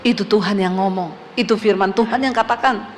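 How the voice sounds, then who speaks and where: A woman's voice: mid-range voice, brisk, slight background noise. A middle-aged woman pastor preaching a sermon, telling stories quoted voices and humor, traces of speech.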